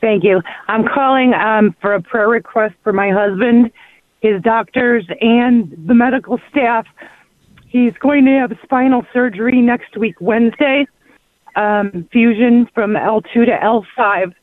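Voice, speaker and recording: A woman calling into a radio show over the phone, asking hesitantly for prayer with many pauses and fillers. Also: on the high side, no room sound. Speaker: caller. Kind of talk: call-in prayer request. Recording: tinny phone line.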